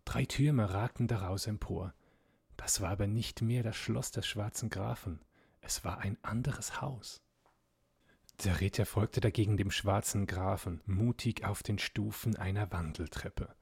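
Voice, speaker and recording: A man narrating a fairy tale in a measured, dramatic reading. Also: lowish voice, vocal fry, darkish tone, husky, no room sound.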